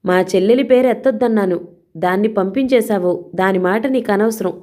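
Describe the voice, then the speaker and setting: A woman's voice: mid-range voice, normal speed, warm tone, pitched above the performer's own voice, natural voice. A woman voicing a furious husband who threatens his wife with harsh, commanding words in a read-aloud crime story.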